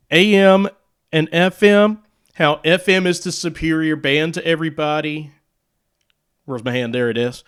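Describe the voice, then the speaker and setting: In a casual explainer, a smooth-voiced man pitched fairly high demonstrates radio and audio equipment. His delivery is unhurried and broken into short, halting phrases as he lays out each point.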